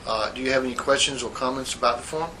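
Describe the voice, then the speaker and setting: A man working as an internal affairs sergeant, questioning a witness on a recorded interview tape in a measured, procedural manner. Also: mid-range voice, bright, forceful tone. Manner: measured, procedural, reads out formal statements. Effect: old recorded interrogation tape. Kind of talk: formal sworn-statement questioning. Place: interview room. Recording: faint hiss on an interview tape.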